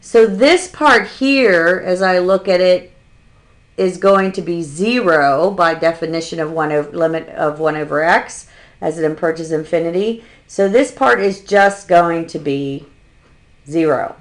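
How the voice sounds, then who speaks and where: A woman teaching a calculus lesson at an unhurried, deliberate pace. She walks through each step of the problem patiently and now and then drops a dry, sarcastic aside. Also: fairly low pitch. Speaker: math instructor. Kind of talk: recorded calculus lecture.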